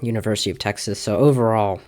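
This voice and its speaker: A man's voice: fairly low pitch, quick pace, a little mellow, dry recording. A young man giving casual election prediction commentary, talking loosely with many fillers and restarts. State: slightly out of breath. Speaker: political commentator.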